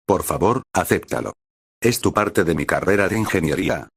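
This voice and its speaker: A man's voice: low-pitched, lively intonation, moderate pace, vocal fry, slightly rough, no room sound, studio quality, full character voice. A man reading as an earnest teen boy hero. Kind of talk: scripted fanfic reading.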